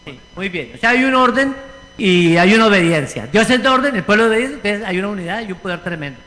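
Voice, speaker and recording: High bright-voiced preaching pastor. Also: male voice, quick pace. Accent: Puerto Rican Spanish. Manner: animated preaching, acting out quoted voices. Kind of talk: sermon with congregation discussion. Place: church sanctuary. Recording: church hall reverb.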